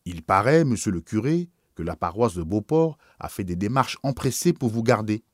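A man voicing a sick old parish priest who talks in a sharp, shaky way. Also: fairly low pitch, sing-song, normal speed, dry recording, studio quality. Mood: bitter. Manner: sharp and shaky, later softening into tears. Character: sick old male parish priest, bitter then tender.

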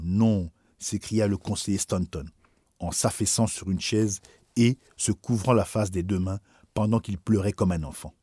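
A man reading a historical memoir aloud in a solemn, measured, mournful narration. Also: on the low side, dark tone, husky, no room sound, studio quality. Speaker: audiobook reader.

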